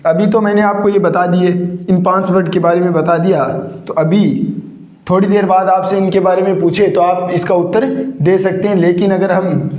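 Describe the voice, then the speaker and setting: A man's voice: high-pitched, flat delivery, normal speed, darkish tone. A man teaching an exam-prep vocabulary lesson. He keeps asking rhetorical questions, repeats each answer, and calls his students friends. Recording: echoey room, dull lo-fi sound.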